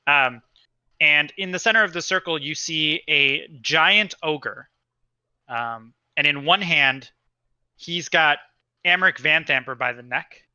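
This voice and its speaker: A man's voice: fairly high pitch, slow, bright, forceful tone, clean tone, dry recording, muffled recording. A man narrating a tabletop game as game master, in a casual, rambling way with lots of fillers.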